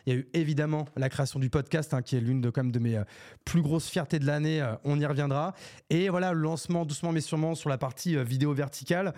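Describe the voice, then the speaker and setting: A man's voice: a little high, steady tone, fast, a little mellow. Male podcast host, 30s, talking alone into a podcast mic, loose and rambling, peppered with English buzzwords. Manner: rambling, many fillers and restarts; casual, mixes English business slang. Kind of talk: solo unscripted podcast talk. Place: Bordeaux, France. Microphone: podcast microphone.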